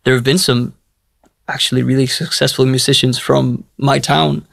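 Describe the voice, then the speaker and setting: A young man with a gravelly, creaky edge to his mid-pitched voice. He talks through his story hesitantly, restarting sentences as he thinks aloud. The sound is dry and close, with no room around it. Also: level tone, normal speed, fairly bright tone, no echo. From Iceland. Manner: hesitant, restarts often, reflective. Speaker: musician guest. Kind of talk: casual interview talk.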